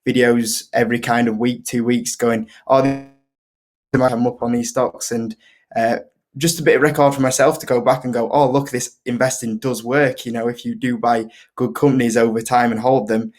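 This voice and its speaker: Even-toned man with a Yorkshire accent. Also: mid-range voice, moderate pace. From Leeds, Yorkshire, UK. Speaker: investing video creator, guest. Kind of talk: casual interview chat.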